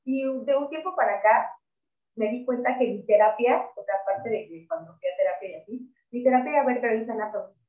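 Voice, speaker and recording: A woman's voice: a little high, fairly quick. Earnest Mexican woman, roomy lo-fi sound. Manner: reflective, earnest, slangy. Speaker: podcast co-host. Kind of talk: casual chat. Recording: echoey room, far from mic, dull lo-fi sound.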